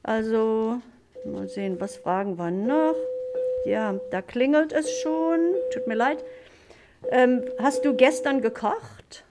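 On a classroom podcast, a German teacher from Germany asks basic questions slowly, with many fillers along the way. Her voice is on the high side, and there's heavy noise in the background.

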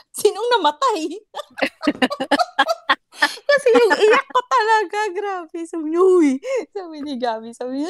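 High-voiced laughing woman chatting. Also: no echo, clean studio sound. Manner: laughs often while telling stories. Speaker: podcast co-host. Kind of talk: casual chat.

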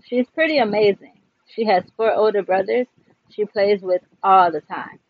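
A man's voice: high-pitched, normal speed. A man reading aloud, voicing a spirited, teasing sixth-grade girl in a storybook, on a slightly dull recording. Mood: eager. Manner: teasing, chatty.

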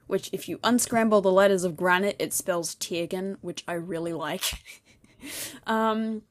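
A young woman hosting a casual solo podcast, rambling and chatty, talking fast and laughing often. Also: mid-range voice, dry recording. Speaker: podcast host.

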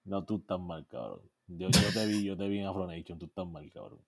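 A man co-hosting a laid-back podcast, with a lowish voice. He tells stories in a loose, profane way and slips into English now and then. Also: a little fast, gravelly, a bit bright. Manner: profane storytelling, mixing in English phrases. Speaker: podcast co-host. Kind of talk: casual chat.

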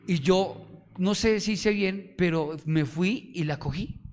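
A middle-aged man with a Colombian accent, preaching a sermon in an emphatic, animated way and firing rhetorical questions at the congregation. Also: high voice, takes it slowly. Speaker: pastor. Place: church hall. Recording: long hall reverb.

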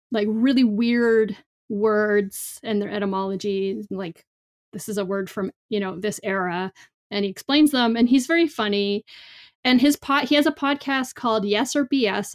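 A woman co-hosting a podcast, talking casually and conversationally. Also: medium pitch. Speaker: podcast co-host.

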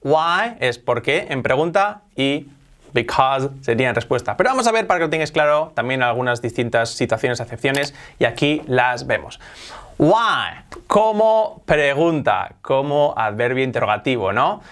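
A man from Spain with a Spanish accent, hosting a lively bilingual English lesson and slowly repeating words to show how they are pronounced. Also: mid-range voice. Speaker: English teacher and channel host.

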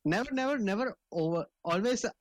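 Male co-host, fairly high voice, very dry close sound, rambling slangy chat that doubles back on words. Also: animated, fast talker, no room sound. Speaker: podcast co-host. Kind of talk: casual chat.

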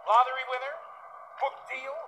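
A man's voice: very high voice, level tone, sharp tone, lo-fi sound, a little hiss or hum. An actor on a theater stage playing Hades, a hotheaded, wisecracking male lord of the underworld with a brash, sarcastic stage-comedy delivery. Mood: mocking. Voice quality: brash, fast-quipping, sarcastic. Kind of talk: live stage show comedy.

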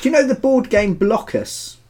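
A man's voice: very high-pitched, very animated, moderate pace, a little mellow. Rambling, jokey podcast man. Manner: rambling, jokey, with many fillers. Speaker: podcast co-host. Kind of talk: casual podcast chat about a video game.

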